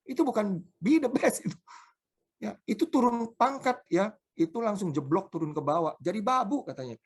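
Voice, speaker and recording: A man voicing his wife's indignant complaints in a sermon, raising his pitch for her. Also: sing-song, normal speed, husky, heavily acted. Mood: exasperated. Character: indignant wife, grown woman, former finance manager.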